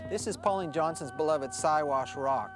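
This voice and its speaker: A man presenting a documentary in a measured, informative way, with soft music beneath. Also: fairly high pitch. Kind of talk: scripted documentary narration.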